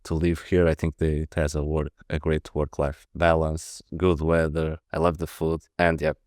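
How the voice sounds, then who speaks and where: A man's voice: extremely low pitch, little pitch movement, moderate pace, a little mellow, no room sound, studio quality. A man from Portugal with a Portuguese accent, answering interview questions casually with frequent restarts and fillers. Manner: hesitant, many restarts and fillers. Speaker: podcast guest, protocol lead.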